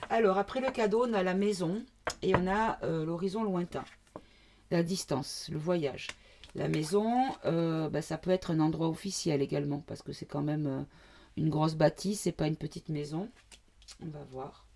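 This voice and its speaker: A woman's voice: low voice, moderate pace, vocal fry, darkish tone, a little hiss or hum. A woman from the south of France doing a casual card reading to camera, thinking aloud with many fillers and asides. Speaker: card reader.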